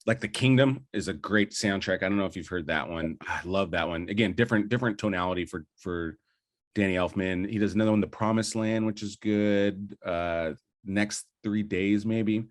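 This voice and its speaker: A man's voice: fairly low pitch, normal speed. A young adult man co-hosting a podcast, debating movies enthusiastically and rambling with fillers and restarts. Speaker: podcast co-host. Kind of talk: casual film debate.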